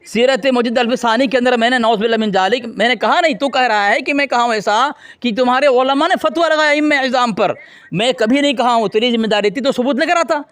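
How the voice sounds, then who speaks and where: A man with a very high voice debates hotly on a call. He taunts and insults his rival, repeating his claims and demanding proof. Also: brisk, fairly bright tone. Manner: combative, taunting, insulting the opponent. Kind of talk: heated religious debate.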